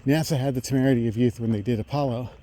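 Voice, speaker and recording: A middle-aged man thinks aloud in a halting technical monologue while walking outdoors along a road. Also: mid-range voice, fairly even intonation, mellow, low-quality recording. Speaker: vlogger. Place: outdoors on a residential roadside. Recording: outdoor street noise, passing vehicles.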